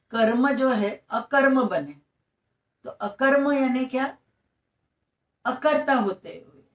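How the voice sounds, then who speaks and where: A middle-aged woman teaching yoga philosophy in a calm, explanatory lecture, mixing in English phrases. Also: a little high. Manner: slow, explanatory, mixes Hindi with English phrases. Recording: echoey room, voice from a distance.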